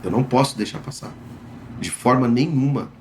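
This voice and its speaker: A man from Brazil tells his own story in an interview, speaking at an ordinary middle pitch. He is earnest and emphatic and often restarts his phrases. A faint hiss sits under his voice. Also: fairly quick. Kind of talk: recounting a personal experience.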